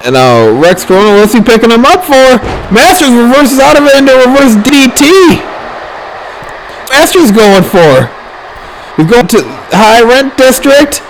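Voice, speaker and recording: Animated high-pitched male wrestling commentator. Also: moderate pace, a little hiss or hum, poor audio. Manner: dramatic exclamations and rhetorical questions. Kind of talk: excited play-by-play wrestling commentary.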